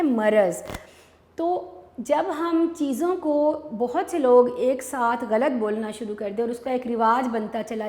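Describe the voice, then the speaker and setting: A woman's voice: high voice, a little mellow. Woman teacher in an echoey room. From Pakistan. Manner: patient, explains step by step, asks and answers own questions. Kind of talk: recorded online Urdu lesson. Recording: echoey room with long reverb.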